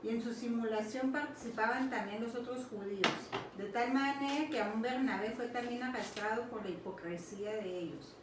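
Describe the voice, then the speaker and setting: A woman reads a scripture passage aloud in a steady, even voice that sits somewhat high. She is far from the mic in a very echoey room. Clear background noise sits behind her. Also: moderate pace, hardly any pauses. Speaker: scripture reader.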